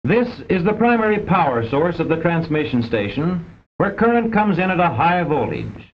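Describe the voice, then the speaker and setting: The narration for this old teaching film comes from a man whose pitch swings widely while he keeps a normal speed. He reads the script precisely and didactically, and the vintage audio sounds dull, with a rumble underneath.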